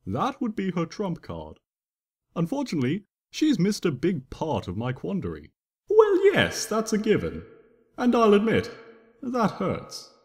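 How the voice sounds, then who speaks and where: A man narrates fan fiction in the first person, reading dramatically with a playful, theatrical trickster flair. His voice sits high and swoops wildly in pitch at an unhurried pace. The room is reverberant, with a long echo.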